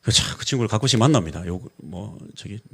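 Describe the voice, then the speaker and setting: A middle-aged pastor delivers a Sunday sermon in a lowish, quick, creaky and husky voice. He tells stories with animation, acting out the quoted dialogue in them.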